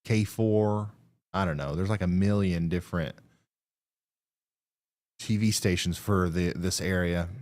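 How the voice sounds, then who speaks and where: A man hosting a live severe weather stream, talking through radar updates in a halting, thinking-aloud way. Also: deep voice, darkish tone.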